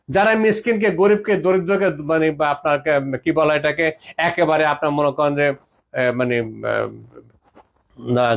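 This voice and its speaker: High-voiced preachy Bangla-speaking man. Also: fairly bright tone. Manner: preachy, quotes Quranic verses, mixes in English phrases. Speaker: homeopathic practitioner. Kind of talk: preachy health talk.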